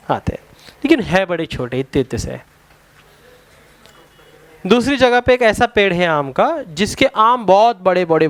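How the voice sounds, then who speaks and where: A man with an Indian accent teaching a science lesson to a class, mixing two languages, pausing to search for words. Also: high voice, no echo. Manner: explains in a Hindi and English mix, spells words out; halting, searches for words with many fillers.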